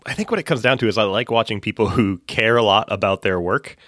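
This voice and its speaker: A man with a lowish voice speaks as a podcast guest in relaxed, easygoing chat. He is from central Massachusetts and often stops to restart his sentences. The sound is dry and close, with almost no room in it. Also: fast, dry recording. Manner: relaxed, chatty, with frequent fillers and restarts. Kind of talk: casual interview chat. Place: home basement.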